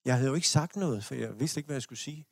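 Older Danish male lecturer, gravelly voice, meandering anecdotal delivery. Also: medium pitch, no echo, clean studio sound. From Denmark. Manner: rambling anecdotal storytelling with restarts and chuckles. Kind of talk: personal storytelling lecture. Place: lecture hall.

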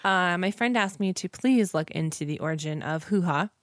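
Woman co-host, low-ish voice, animated chat, dry close recording. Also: normal speed, no echo. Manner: animated, chatty, acts out little voices. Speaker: podcast co-host. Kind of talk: casual chat.

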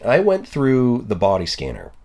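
A man's voice: medium pitch, huge pitch swings, normal speed, a little mellow. A man co-hosting a podcast, telling a story casually with lots of fillers and the odd swear. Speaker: podcast co-host, body piercer. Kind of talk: casual chat.

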